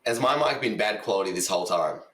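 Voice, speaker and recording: A man's voice: fairly low pitch, expressive, fast, a bit bright. A congested man chatting casually on a podcast, heard echoey through a camera mic far from him. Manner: laid-back, agreeable, repeats 'a hundred percent'. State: congested, tickly throat. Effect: echoey room sound, heard through camera mic far from him. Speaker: podcast guest, full-time content creator. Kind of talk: casual chat. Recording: echoey room, distant camera mic, faint ambience.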